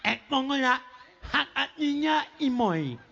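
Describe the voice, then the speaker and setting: A man's voice: very high-pitched, sing-song, slow, creaky, bright, forceful tone, muffled recording, heavily acted. A man with an Argentine accent voicing a small boy who has a nasal speech impediment and mumbles his words. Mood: nasal mumbling. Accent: Argentine Spanish.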